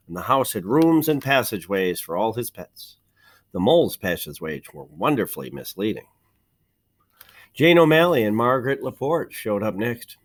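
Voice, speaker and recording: A man with a medium-pitched voice reads a children's picture book aloud, storytelling in an expressive, measured way and stressing key words.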